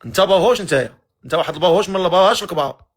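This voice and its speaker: A man with a Moroccan accent hosts a matchmaking live stream, teasing his guests with rapid-fire questions. His voice is high-pitched and expressive.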